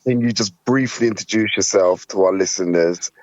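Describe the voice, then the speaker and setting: A man's voice: on the low side, moderate pace, dry recording, muffled recording. A man co-hosting a radio talk show, speaking in a rambling, enthusiastic way with lots of fillers. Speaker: radio co-host.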